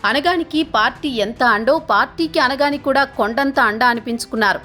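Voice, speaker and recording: Lady reading a news piece, kinda high voice, formal, faint music behind. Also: normal speed, sharp tone. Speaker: news narrator. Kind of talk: scripted news voice-over.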